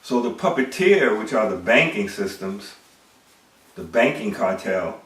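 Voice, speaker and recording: Speaking well away from the microphone in a room full of echo, this middle-aged commentator has a fairly low-pitched voice. He lectures emphatically in a monologue, throwing out rhetorical questions and repeating himself.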